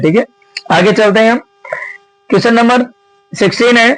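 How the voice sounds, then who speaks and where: High-voiced man explaining exam answers. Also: no echo, poor audio. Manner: explains step by step, often asks and answers his own questions; addresses viewers as friends. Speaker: Sanskrit teacher. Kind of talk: exam answer-key lesson.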